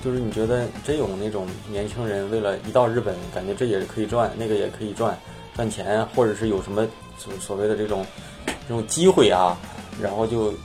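A man's voice: on the low side, fairly even intonation, a little fast, a little mellow. A man hosting a casual chat, putting questions and remarks to his guest in an informal way. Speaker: host asking questions. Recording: prominent instrumental music behind. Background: instrumental music.

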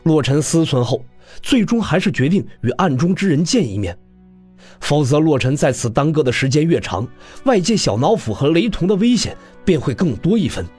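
Husky, animated male audiobook narrator. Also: a little high, normal speed, soft background music. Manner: animated storyteller, rising and falling delivery. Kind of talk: serialized web novel narration.

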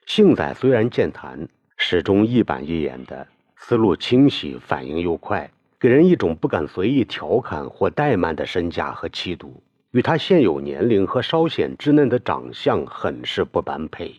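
A man narrating a novel as an audiobook, in an expressive storytelling manner. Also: low-pitched, normal speed, slightly rough, dry recording, highs cut off.

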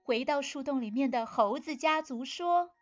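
A woman reading a children's story aloud, animated and gentle, speaking to the child listening. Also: high voice, moderate pace, muffled recording.

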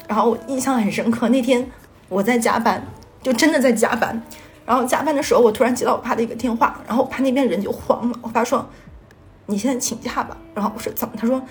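A young woman from Northeast China, telling a personal story in a rambling way and stringing thoughts together with "and then". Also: fairly high pitch. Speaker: podcast storyteller.

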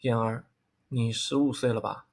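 A man reading a warm middle-aged clan-leader father. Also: medium pitch, fairly even intonation, moderate pace, vocal fry. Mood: rueful. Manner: chuckling, affectionate.

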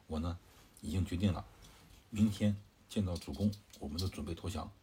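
A wavering commander from an old war tale, as a male storyteller puts him on. The voice sits very low and dark, the delivery is everyday and explanatory, and the lines end on soft drawn-out particles. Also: slight background noise, natural voice. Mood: reasoning. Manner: plain conversational retelling with drawn-out particles. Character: adult male commander, wavering, reasoning calmly.

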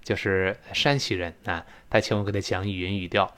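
A man teaching spoken English in Chinese, explaining pronunciation and acting out sounds and sighs. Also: deep voice. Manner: lively, demonstrates pronunciation with drawn-out sounds. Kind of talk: spoken English lesson podcast.

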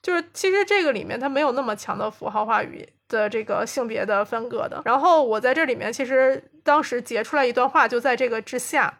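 A woman's voice: on the high side, a bit bright. A woman guest on a podcast, explaining thoughtfully in a casual interview, summarizing points and reading passages aloud. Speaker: guest, comics company founder.

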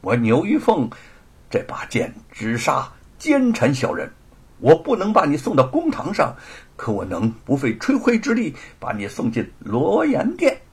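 A man voicing a cold, commanding young swordswoman in a storytelling performance, with a husky voice. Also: on the high side, wildly swooping pitch, unhurried, heavily acted. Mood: stern. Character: stern sword-wielding heroine, young woman.

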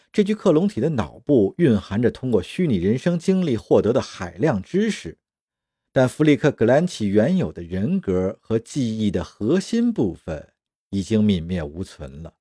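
A man narrating a science fiction audio drama in a dramatic, expressive reading. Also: on the low side, slightly rough, no room sound, clean studio sound.

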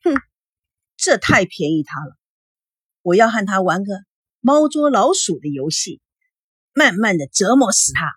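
A woman's voice: medium pitch, very animated, unhurried, pauses often, a bit bright, slightly rough, dry recording, clean studio sound, exaggerated voice. A woman reading the part of a sulky young bride-to-be, speaking in an exasperated, grumbling way. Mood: complaining.

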